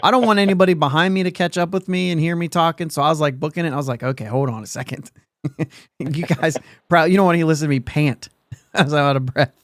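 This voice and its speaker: Guy hosting a sports podcast, kinda high voice, rambly and laughy, dry close mic. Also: fairly even intonation, fast talker, dry recording. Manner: rambling, chatty, laughs often mid-sentence. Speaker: podcast host. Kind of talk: casual sports podcast chat.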